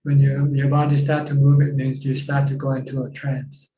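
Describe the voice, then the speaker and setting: A monk speaks in a flat, level tone with a dark, mellow voice. He explains simply and repeats phrases as he answers. The call audio is roomy and dull. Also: mid-range voice, moderate pace. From Thailand. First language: Thai. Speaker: Buddhist monk teacher. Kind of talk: dharma Q&A talk. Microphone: video call.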